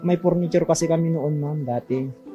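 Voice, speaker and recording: A man's voice: on the high side, normal speed, soft background music. A man answering questions about his former partner, deferential and ending his phrases with "ma'am". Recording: dull, muffled audio.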